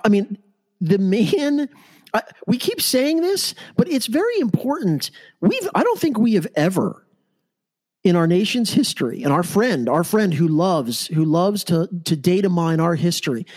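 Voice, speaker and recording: A man's voice: sits high, big pitch swings, normal speed, a little mellow. A man hosting a political talk show, speaking sarcastically and mocking his targets. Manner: sarcastic, mocking, acts out imagined quotes. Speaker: host.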